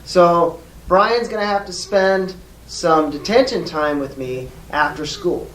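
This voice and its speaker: In a role-played phone call demonstration, a teacher plays a polite, diplomatic schoolteacher phoning a parent, speaking with a mid pitch and a fairly bright tone. The mood is polite and careful, and the delivery is hesitant, measured and diplomatic, with frequent pauses. The distant mic picks up an echoey room and faint noise.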